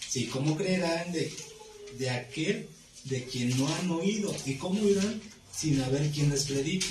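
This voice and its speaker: A man's voice: a little high, a little slow. Distant man in an echoey Bible class. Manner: hesitant, full of fillers and restarts while paraphrasing verses. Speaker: class participant. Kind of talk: Bible study discussion. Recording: distant mic in an echoey room with clear noise.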